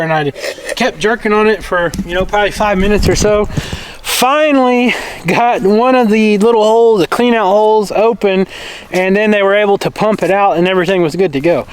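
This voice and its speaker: A man's voice: high voice, a little fast, smooth. A man with a Southern US accent chatting casually and plainly in a folksy way as a farm vlogger, outdoors. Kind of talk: casual vlog chat.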